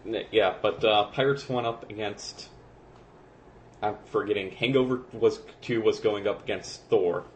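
A man with a somewhat low voice chats as a podcast co-host and explains things with plenty of fillers. The room gives his voice a clear echo, with faint noise behind it. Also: a little slow. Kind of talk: casual chat.

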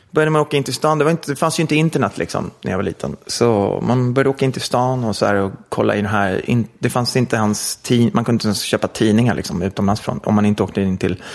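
A middle-aged man, a musician guest, chatting casually in an interview with lots of fillers and rambling asides. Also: gravelly. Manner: rambling, many fillers, animated pitch jumps.

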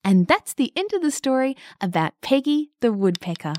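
A woman narrating a children's story and guiding a mindfulness moment, gentle and expressive with dramatic pauses. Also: sits high, dry recording, studio quality.

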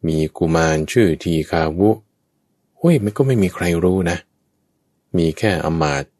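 A man's voice: sits low, sing-song, unhurried, a little mellow, no echo, clean studio sound. A man preaching a Buddhist scripture story, addressing his listeners directly with chatty asides. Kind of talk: storytelling Dhamma talk.

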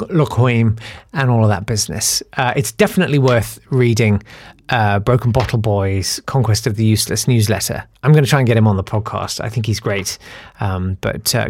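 A man's voice: lowish voice, no echo, studio quality. A man hosting a podcast, telling a rambling, self-deprecating anecdote with many fillers and restarts. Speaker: podcast host. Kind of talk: casual anecdotal monologue.

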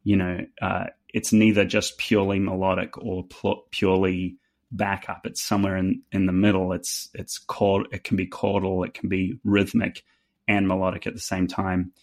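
Gravelly New Zealand man, halting talk. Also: deep voice, level tone, darkish tone. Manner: halting, many fillers and restarts. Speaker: fiddle player guest. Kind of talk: casual interview chat.

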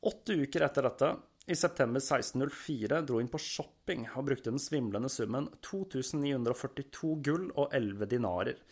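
A man narrating history from a script at a measured pace, with a mid-range voice of ordinary pitch. His storytelling is even and controlled. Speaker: podcast narrator.

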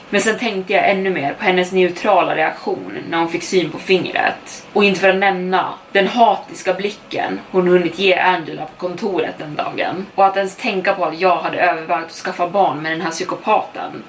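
Woman storyteller, podcast host, low pitch, steady delivery, distant mic. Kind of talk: first-person storytelling. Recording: distant mic with faint noise.

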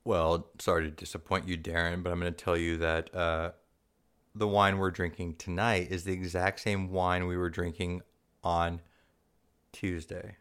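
A man co-hosting a casual podcast, talking in an animated, self-deprecating way with frequent restarts. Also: sits low, moderate pace, clear, resonant tone. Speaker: podcast co-host. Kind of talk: casual chat.

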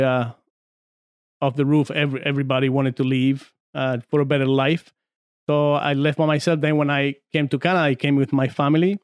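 A man in his forties from Argentina is a podcast guest in a studio, chatting casually and telling stories full of fillers and restarts. His voice is medium in pitch with a clean tone. The recording is dry.

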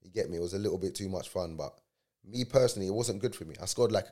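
A man's voice: sits low, fast, darkish tone. A man in his thirties with an urban London roadman accent, chatting casually in heavy slang as an interview guest. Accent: London, urban street. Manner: slangy, peppered with check-in tags. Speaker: guest, professional footballer. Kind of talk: casual chat.

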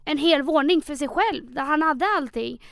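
A woman's voice: high-pitched, gravelly, no room sound, clean studio sound. A 25-year-old woman chatting animatedly as a podcast co-host, often stumbling over her first words. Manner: animated, chatty, repeats words when starting. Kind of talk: casual chat.

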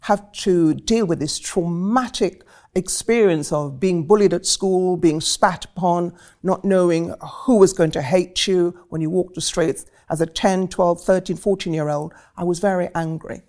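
A Trinidadian woman in her seventies appears as a guest, reflecting on her life story in vivid, rhetorical language. Her voice sits on the low side, a little mellow, with a steady tone and measured pace.

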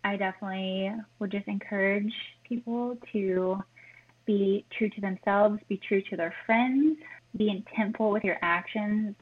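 A woman's voice: medium pitch, a little slow. A woman guest talks earnestly, giving direct and heartfelt advice. Her voice comes through a thin, tinny phone line. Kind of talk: casual chat.

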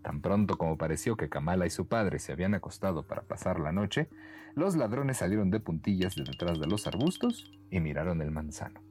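Expressive man narrating a bedtime story. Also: deep voice, brisk, faint music behind.

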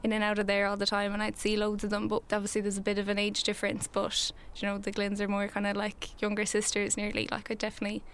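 A woman's voice: mid-range voice, monotone, fast talker, few pauses, fairly bright tone, slight background noise. A woman in her twenties from Galway with a west of Ireland accent, recalling events casually as an interviewee. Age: 20s. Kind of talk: casual recollection.

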